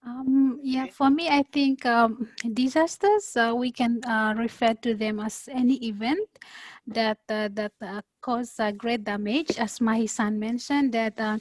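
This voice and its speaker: A woman's voice: fairly high pitch, fairly even intonation, unhurried, dry recording. A woman in her twenties from the Solomon Islands, a student speaking in class over a video call, hesitant with fillers. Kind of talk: class discussion.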